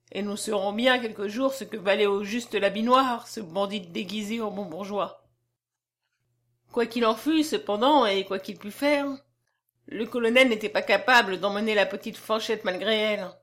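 A woman narrating a classic novel as an audiobook, with a measured, expressive reading. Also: medium pitch.

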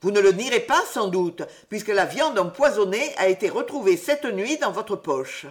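A woman's voice: medium pitch, animated, normal speed, lightly acted. A woman voicing a solemn male headmaster who scolds a pupil in a reproachful tone. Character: grave disappointed male headmaster.

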